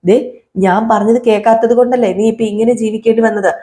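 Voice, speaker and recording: Woman putting on a bitter middle-aged mother, scolding, defiant, repeating herself, mellow warm voice pushed higher, serial recap. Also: fairly even intonation, fairly quick, natural voice. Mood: furious. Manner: scolding, repeats accusations, dares her daughter.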